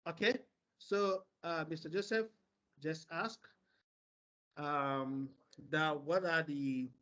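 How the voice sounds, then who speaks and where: A man moderating an online seminar over a video call, relaying questions and explaining in a halting way with many pauses. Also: a little high, fairly even intonation, a bit bright. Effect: heard over a video call. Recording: dull lo-fi meeting audio.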